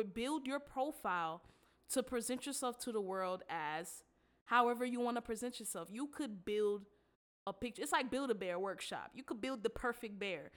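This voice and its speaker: Woman, 20s, solo podcast host. Slangy, candid, stuffed-up nose, smooth tone. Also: medium pitch, fairly bright tone. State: congested, under the weather. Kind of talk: casual solo podcast talk.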